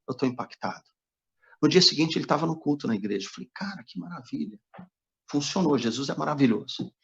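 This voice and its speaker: A man's voice: medium pitch, gravelly. A man, a pastor, telling a personal testimony story and quoting the dialogue of others in his own voice. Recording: dull lo-fi recording.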